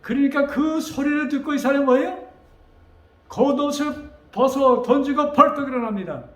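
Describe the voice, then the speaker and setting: A man preaching a sermon as pastor. He asks the congregation questions and rises to loud, dramatic quotes. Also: extremely high pitch, normal speed, echoey room.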